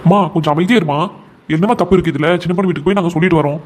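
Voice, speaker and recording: A devoted young cartoon husband, voiced by a man, talking in a raised, fairly high voice. He pleads with his mother and stands firm for his wife, words tumbling out very quickly. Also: lightly acted. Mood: pleading. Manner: earnest, pleading, stubbornly defends his wife. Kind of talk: cartoon voice acting.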